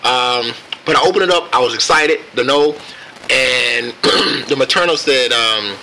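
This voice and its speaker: An American man casually telling a personal story on camera in a reflective, laid-back and halting way. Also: mid-range voice, pushed and bright, a little hiss or hum, low-quality recording. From United States. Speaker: vlogger.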